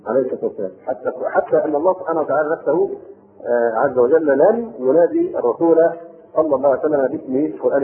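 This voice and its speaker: A man with an Egyptian accent teaching a Quran commentary lesson, reading classical text and explaining it in colloquial asides, on a tinny old recording. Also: mid-range voice. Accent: Egyptian Arabic. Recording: tinny lo-fi lecture tape.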